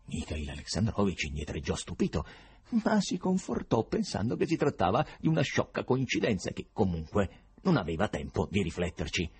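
A man reading a novel aloud as an expressive audiobook narrator. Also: lowish voice, normal speed, husky. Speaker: reader.

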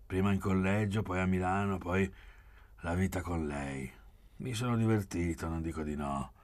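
A man voicing a stubborn, calm young man in a literary audiobook, speaking with quiet conviction. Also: low-pitched, moderate pace, lightly acted.

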